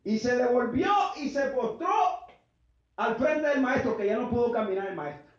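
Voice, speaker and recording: A man preaching a fervent sermon, building to shouts, with his congregation called to answer. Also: very high voice, animated, normal speed. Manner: fervent call-and-response preaching, often shouting. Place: church sanctuary. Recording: very echoey, muffled church PA sound.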